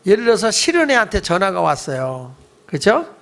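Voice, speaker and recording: A man's voice: high-pitched, huge pitch swings, fairly quick, creaky, a bit bright. A male pastor preaching a youth service sermon in a conversational storytelling way, asking the congregation questions.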